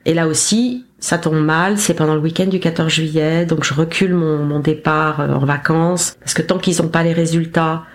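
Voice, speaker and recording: A woman, a podcast guest, recounting her experience in a casual, animated way, acting out her own lines with self-mocking humour. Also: deep voice, normal speed, few pauses. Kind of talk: casual storytelling interview.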